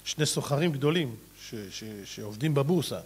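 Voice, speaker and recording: A man's voice: mid-range voice, breathy edge. A man, a rabbi, preaching a sermon and telling stories, often calling out to his listeners and stammering over syllables as he searches for a word. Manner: animated storytelling, often addresses listeners as "gentlemen"; repeats syllables when searching for words.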